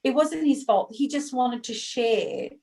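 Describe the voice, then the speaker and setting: A woman's voice: a little high, lively intonation, a little slow, vocal fry, a little mellow, low-quality recording. A middle-aged woman, an interview guest telling her story candidly and acting out her own past dialogue.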